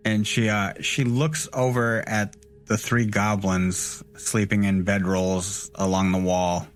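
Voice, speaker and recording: A man running a tabletop game as game master, narrating slowly with many fillers. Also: lowish voice, little pitch movement. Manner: unhurried, filler-laden narration.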